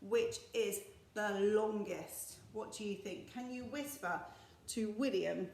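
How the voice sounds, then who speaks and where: A woman teaching a recorded maths lesson to young children, bright and encouraging with lots of praise. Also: medium pitch, slow pace, vocal fry, reverberant. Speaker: primary school teacher. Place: classroom.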